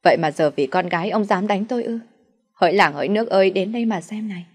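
A woman's voice: on the low side, quick pace, lightly acted. A woman voicing a shrewish middle-aged stepmother who scolds, curses and wails for the village to hear. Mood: wailing curses. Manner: scolding, cursing, wailing to the village.

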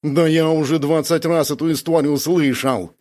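A put-upon male soldier whose voice climbs high and loud as he whines and complains, played by a man reading an audiobook. He sounds forever close to tears. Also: expressive, brisk. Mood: whiny. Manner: whining, complaining, near tears. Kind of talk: audiobook character voice.

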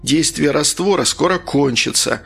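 A man voicing a crude, cynical little man who speaks in a slow, mocking, unhurried way. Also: fairly high pitch, vocal fry, a bit bright, slightly rough, faint music behind, exaggerated voice. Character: crude, cynical small man with back pain.

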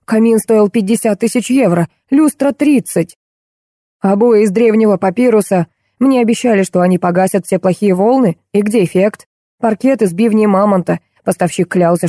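A woman reading an audiobook voices a rude, boorish rich man who shouts and insults. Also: medium pitch, normal speed, no room sound, studio quality, natural voice. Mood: boorish, indignant.

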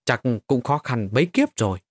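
A man voicing a calm, self-assured young man with occult powers in an audio storybook. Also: mid-range voice, normal speed, no echo, studio quality.

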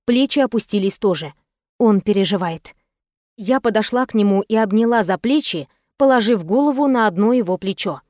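A woman narrating an audiobook in the first person with a steady, expressive reading. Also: mid-range voice, normal speed, dry recording, studio quality.

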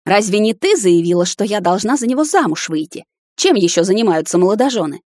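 A woman's voice: medium pitch, expressive, a little fast, darkish tone, no room sound, studio quality, close to an everyday voice. A woman voicing a young witch heroine in an audiobook, emotional and defiant. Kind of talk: audiobook character voice.

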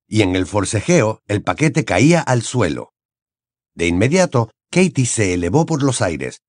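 A man reading a fantasy novel aloud as an expressive audiobook narrator. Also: fairly low pitch, no room sound, clean studio sound. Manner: expressive storytelling with wide intonation. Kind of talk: scripted narration.

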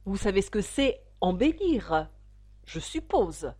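A woman voicing a gruff, impatient griffin in a storybook reading, curt and scornful, her pitch swinging widely. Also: big pitch swings, takes it slowly, dark tone, no echo, clean studio sound. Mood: scolding. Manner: scolding, curt.

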